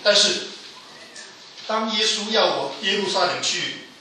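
A man's voice: lively intonation, a little slow, recorded from a distance, slight background noise. Man preaching in an echoey hall. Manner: emphatic, rising to loud pleas then dropping low. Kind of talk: sermon.

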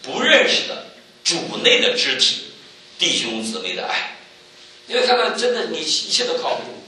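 A man giving a church testimony, telling stories with animated swings and loud exclaiming peaks. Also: a little high, moderate pace, heavy reverb, far from the mic, a little hiss or hum, rough recording. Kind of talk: sermon testimony.

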